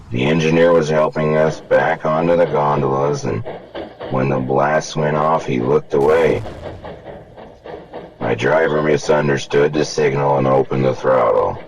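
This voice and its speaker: A gruff old steam locomotive with a booming grandfather voice. His tone sits extremely deep and grinds with gravel. He talks slow and heavy, full of regret. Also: a little hiss or hum, exaggerated voice, low-quality recording. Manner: slow, weighty, rueful. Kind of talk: audiobook character voice.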